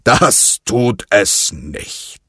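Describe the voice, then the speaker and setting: A man voicing an ancient guardian spirit of an island, who speaks in a deep, slow and commanding way in a storybook. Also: sing-song, vocal fry, sharp tone, husky, dry recording, clean studio sound, full character voice. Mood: solemn. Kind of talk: storybook narration.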